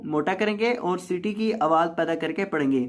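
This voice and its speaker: A man teaching Quran recitation, patiently explaining each sound step by step and chanting the words slowly. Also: sits high. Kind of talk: tajweed lesson with slow recitation.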